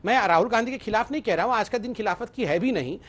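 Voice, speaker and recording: A man's voice: high-pitched, expressive, fast, a bit bright. A man speaking as a party spokesperson in a TV debate, emphatic and appealing to the anchor. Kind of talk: TV debate argument.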